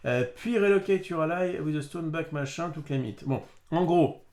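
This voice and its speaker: A man's voice: fairly high pitch, normal speed, darkish tone. A man hosting a casual board game session, explaining the rules with many hesitant fillers as he reads the cards. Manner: hesitant, many fillers while reading card text.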